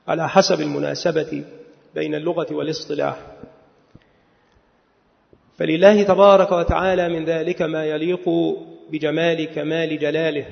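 A man with a fairly high, gravelly voice gives a religious lecture. He speaks in measured phrases and sometimes draws words out in a chanting lilt. The recording is dull and lo-fi, with a long reverb like a large hall.

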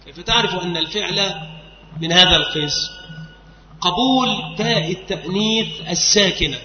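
A man teaching a classical grammar lesson, patiently repeating and drilling example words. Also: moderate pace. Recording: echoey hall, dull low-fi sound.

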